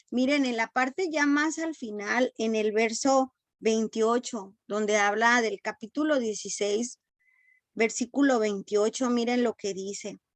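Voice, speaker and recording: A woman teaching a Bible story in a relaxed, unhurried way, often correcting herself and acting out quoted lines. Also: on the high side, no room sound. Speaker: preacher.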